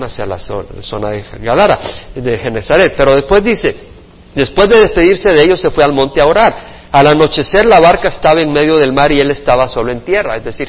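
A male pastor preaching a Bible study sermon to a congregation, expressive, with playful sound effects and acted quotes. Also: mid-range voice, breathy edge. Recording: muffled reverberant church recording.

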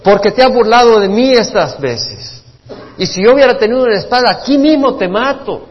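A man's voice: very high voice, animated, a little fast, long reverb tail, lo-fi sound, voice pushed up. A man playing an angry, threatening prophet in a retold Bible story. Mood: furious. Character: angry old-time prophet, threatening and boastful.

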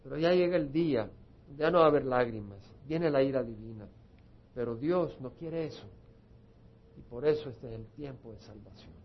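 A man pastor preaching a sermon, moving from quiet, soft passages to loud, rising appeals. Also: medium pitch, normal speed, dull audio.

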